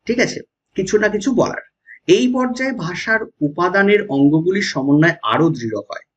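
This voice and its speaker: A man with a West Bengal Bengali accent teaching an exam-prep lecture, explaining step by step and often checking in with the class. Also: sits high. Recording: dull lo-fi sound.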